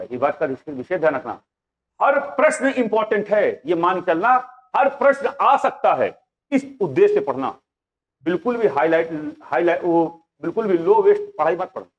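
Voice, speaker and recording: A male teacher giving a classroom lecture, quizzing his live students with repeated questions. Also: sits high. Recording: dull lo-fi sound.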